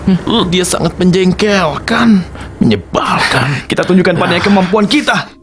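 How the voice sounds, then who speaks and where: A man dubbing an excitable, urgent team member in a superhero film. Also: sits high, normal speed. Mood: annoyed. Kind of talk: dubbed superhero film acting. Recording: music and crowd noise behind.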